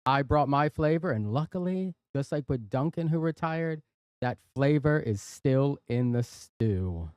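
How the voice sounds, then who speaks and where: A male stream host chats at an unhurried pace in a warm, mellow voice, playful and jokey as he reads out viewer jokes. The sound is dry and close, with no room echo. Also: mid-range voice, animated, clear, resonant tone. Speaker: livestream host. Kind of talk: casual chat on a live stream. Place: workshop and studio.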